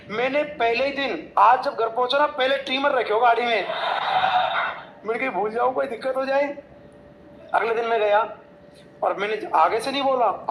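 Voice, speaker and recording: Young man, coaching teacher, high voice, chatty joking storyteller, echoey classroom. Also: a bit bright, slight background noise. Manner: chatty, jokey anecdotes with quoted dialogue. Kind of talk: motivational storytelling to students.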